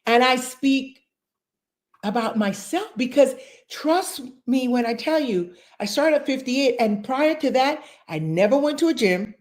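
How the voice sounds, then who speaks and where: A woman's voice: high voice, expressive, a little slow, a little mellow. A woman in her sixties, a fitness and nutrition coach, speaking emphatically as an interview guest and repeating phrases to drive points home. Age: 60s.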